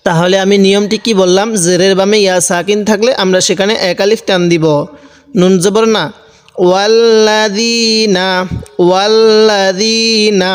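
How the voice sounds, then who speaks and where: A man teaching Quran recitation, spelling out each word slowly and repeating the rules patiently step by step. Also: sits high, big-room sound. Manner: slow, repetitive, patient step-by-step drilling.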